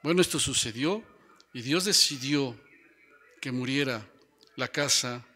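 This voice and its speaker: A man's voice: medium pitch, measured pace, bright, forceful tone, breathy edge. A man preaching a Bible sermon who speaks to his listeners as brothers and keeps tagging his lines with rhetorical questions.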